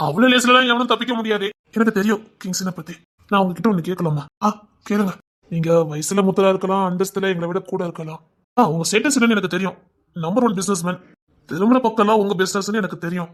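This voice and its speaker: A man's voice: sits high, fast. A man telling a dramatic audio story and voicing every part in conversational dialogue. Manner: wondering, questioning, then conversational dialogue. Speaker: storyteller voicing all parts.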